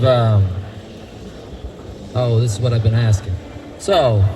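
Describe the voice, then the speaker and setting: Against a noisy background, a medium-pitched man leads a group on a tour of a feed mill. His style is folksy, and he quizzes the crowd as he goes.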